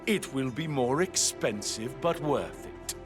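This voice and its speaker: A man's voice: medium pitch, expressive, natural voice. An actor playing a boastful male chef who savors every word. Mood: proud. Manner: slow, heavily accented, savoring every word. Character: boastful male chef, slow and self-assured. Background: game music.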